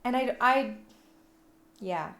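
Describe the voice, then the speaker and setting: A woman livestreamer chatting casually with viewers in a playful, cutesy, giggly and animated way. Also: a little high, slow pace. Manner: animated, expressive delivery. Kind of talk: casual live chat. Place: room at home.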